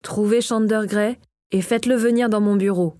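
Gentle worried king, read by a woman. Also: mid-range voice, fairly even intonation, moderate pace, no echo, clean studio sound, lightly acted.

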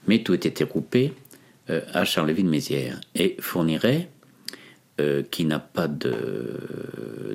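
French guy in his 60s, really really low voice, lawyer telling his story, hesitant and deliberate with long pauses. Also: creaky, a little mellow. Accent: metropolitan French. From Ardennes, France. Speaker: defence lawyer. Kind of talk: recounted testimony in an interview.

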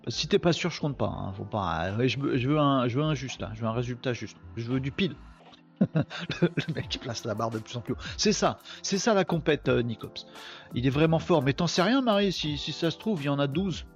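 Joking, creaky-voiced French live host. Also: male voice, medium pitch, animated, brisk, dull audio, soft background music. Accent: northern French. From northern France. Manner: rambling, joking, chatting with viewers. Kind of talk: casual live-stream chat.

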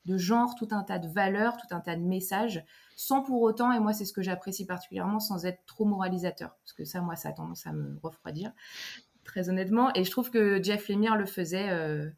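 A woman, a book editor, speaking as a guest in a podcast interview and pausing often to search for words. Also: mid-range voice, a little mellow. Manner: hesitant, full of fillers and restarts.

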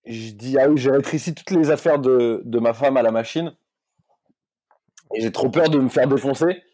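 A man from Corsica and mainland France co-hosts a comedy podcast, chatting casually in a warm, medium-pitched voice at a moderate pace. He laughs often and repeats his words, with no echo.

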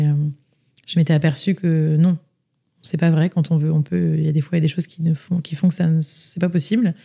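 A woman's voice: low-pitched, gravelly, dark tone. A young woman from France telling her personal story as an interview guest, chatty, with many fillers and restarts. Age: young adult.

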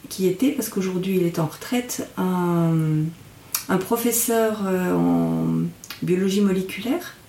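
A woman speaking as an instructor in an interview, explaining things in a reflective, halting way as she searches for her words. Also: on the low side, creaky, warm tone. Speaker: mindfulness instructor and guest. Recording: echoey room, distant from microphone.

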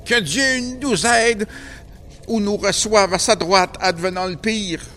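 A man's voice: high voice, takes it slowly, pushed and bright, soft background music, voice pushed up, heavily acted. A man voicing a stern religious brother in a storybook recording, commanding and insistent. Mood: fervent.

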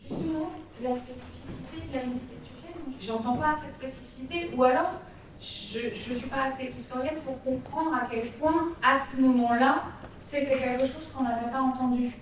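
A woman's voice: sits high, steady tone, normal speed. A woman interviewer asking a question in a somewhat hesitant way. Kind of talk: radio interview. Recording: echoey, distant from the mic, faint noise.

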